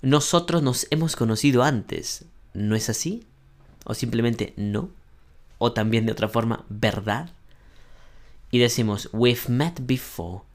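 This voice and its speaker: A man's voice: mid-range voice, measured pace, long pauses. A male language teacher giving an online class, explaining grammar patiently in Spanish with many short examples. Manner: greets brightly in English, then explains in Spanish. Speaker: English teacher.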